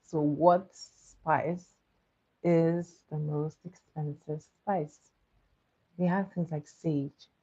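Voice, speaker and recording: A woman's voice: low voice, fairly even intonation, drawn-out words, warm tone, slightly rough, muffled recording. A woman from Nigeria, sleepily hosting a live trivia stream and patiently repeating each question for her viewers. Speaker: livestream quiz host.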